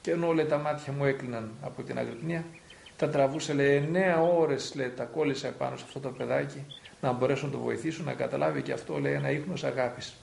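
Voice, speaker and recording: Priest in a documentary interview: a man with a very gravelly voice, reflective and earnest, in an echoey room. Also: mid-range voice, darkish tone. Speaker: priest recalling an elder. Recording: roomy echo.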